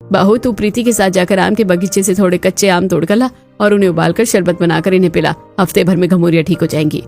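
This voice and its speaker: A woman voicing a kind but firm older mother-in-law in a cartoon story, speaking calmly and insistently. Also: on the low side, fast talker, vocal fry, faint music behind.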